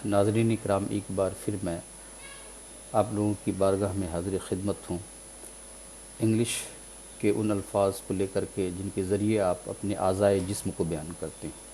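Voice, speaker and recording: A man's voice: on the low side, mellow, a little hiss or hum, low-quality recording. A man teaching a vocabulary lesson in Urdu, patiently repeating each word and often checking in with his listeners. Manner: frequent "theek hai na" check-ins. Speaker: English teacher.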